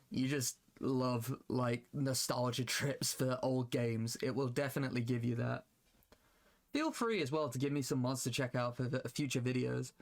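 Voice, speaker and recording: A young man narrating a game mod review in a casual tone, dropping in "like" often. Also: medium pitch. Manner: casual with frequent "like" fillers. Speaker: gaming YouTuber.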